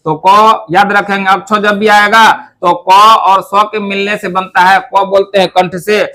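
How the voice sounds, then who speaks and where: High-voiced man teaching Sanskrit sounds. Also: flat delivery, pushed and bright. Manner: explains step by step, asks and answers own questions, demonstrates sounds slowly. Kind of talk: classroom lesson on pronunciation.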